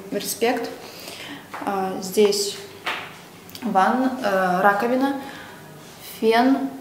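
A young woman with a medium-pitched voice, a travel agency vlogger, gives a casual, chatty hotel tour full of fillers and self-corrections against a noisy background. She films on a phone held at arm's length, moving between a hotel room indoors and the resort grounds outside.

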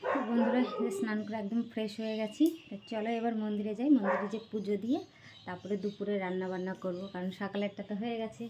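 A middle-aged woman narrates her day as a vlog voice-over, her voice hoarse from a cold. She chats easily and addresses her viewers as friends. A faint background noise runs under the recording. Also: mid-range voice, flat delivery, fast. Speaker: vlogger.

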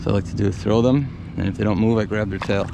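A man in his thirties casually commenting while fishing from a kayak, relaxed and easygoing, recorded on a head-mounted camera. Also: lowish voice, fast talker, vocal fry. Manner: relaxed, easygoing, chuckles often. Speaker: fishing vlogger. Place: kayak out on open bay water. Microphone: head-mounted action camera. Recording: windy outdoor action-cam audio. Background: wind and water noise.

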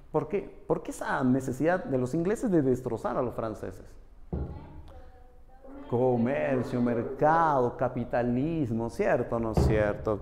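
A man teaching a history lesson, asking questions and answering them himself, often repeating a tag phrase, swinging from raised to low murmured pitch. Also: darkish tone, slight background noise. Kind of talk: classroom history lecture. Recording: long hall reverb.

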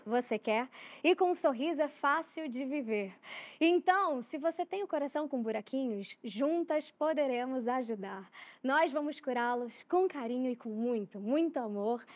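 A Brazilian woman in her thirties hosting a talk show, excitable and moved, her voice shaking with emotion. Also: sits high. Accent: Brazilian Portuguese. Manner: tearful, excitable, trembling with emotion. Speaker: host.

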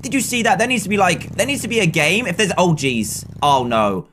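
A young English man rattles through gameplay commentary with bright, bouncy excitement, breaking into laughs and exclamations. His voice sits a touch high for a man, close to a desk mic in a small room. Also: brisk, slight background noise. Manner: upbeat, exclamatory, laughs often. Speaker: gaming video host. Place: small room, webcam corner.

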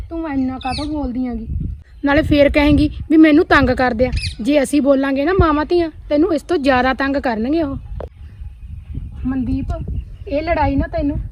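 A woman's voice: high-pitched, natural voice. A woman with a Punjabi accent in a village drama, talking bluntly and scolding a cousin. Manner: blunt, scolding, rapid-fire advice. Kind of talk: Punjabi short film drama acting. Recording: distant, dull, noisy outdoor sound.

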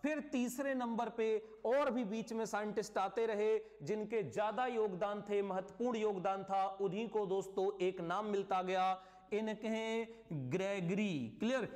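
A male teacher giving a live online class lecture, often repeating key words and checking "clear?". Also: high-pitched, steady tone, measured pace, darkish tone, long reverb tail.

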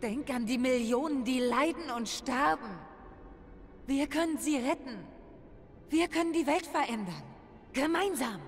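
A desperate, manipulative woman near death in a game dub, pleading and persuasive, with a slightly raised pitch. She presses her case in urgent, earnest sentences. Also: animated, unhurried, soft background music. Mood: urging. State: dying. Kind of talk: video game voice acting, dubbed.

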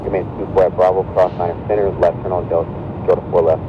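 Male controller, monotone and procedural, thin radio signal under loud noise. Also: deep voice, rapid-fire, lo-fi sound. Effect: aviation radio transmission. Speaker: air traffic controller. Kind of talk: clipped radio air traffic instructions.

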